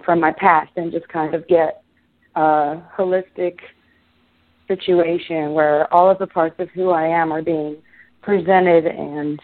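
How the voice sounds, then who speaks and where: Woman, from Israel, low-pitched, rambling, lots of fillers, phone-line sound. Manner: rambling, many restarts and fillers. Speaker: musician guest. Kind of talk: casual interview.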